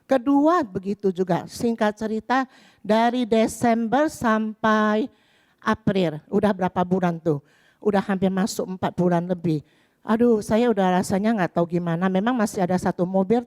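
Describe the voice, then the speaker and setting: A woman's voice: medium pitch, darkish tone. A middle-aged woman giving a chatty spoken testimony in church, acting out the dialogue as she tells it. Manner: storytelling, chatty, acts out dialogue.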